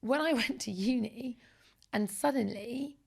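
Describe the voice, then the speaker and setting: A woman, a guest in a relaxed interview. Her voice has a gravelly, creaky edge. She speaks with animated, enthusiastic energy. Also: on the high side, a little slow. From Essex, England. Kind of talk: casual conversational interview.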